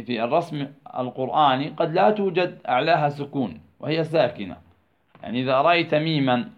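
Slow, questioning teacher on a tinny line. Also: male voice, on the high side. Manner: asks rhetorical questions and answers them himself, repeats key words; slow, drawn-out phrasing. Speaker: Quran recitation teacher. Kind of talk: tajweed lesson, explaining verses of a poem. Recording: tinny phone-like recording.

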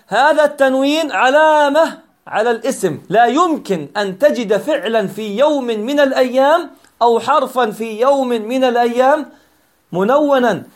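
Man, very high voice, grammar teacher, patient explaining, repeats himself, asks and answers own questions.

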